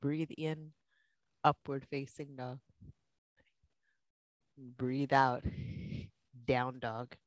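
A yoga instructor leads a guided class at a slow pace, coaching the breath with each movement. The cues come in short, spaced phrases at a middling pitch, in a dry, close sound. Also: steady tone, no room sound, poor audio.

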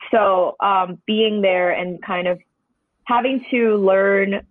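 Here a painter in their twenties, a Cantonese speaker from Hong Kong, talks at a slow pace with a steady tone and medium pitch. The clip is a conversational podcast interview heard over a tinny, dry phone line without echo. The guest reflects and wanders, adding many hedging asides.

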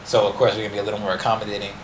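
A man co-hosting a podcast in casual chat, animated and joking, with heavy slang and swearing. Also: on the low side, rapid-fire. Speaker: podcast co-host. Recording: echoey room with clear background noise.

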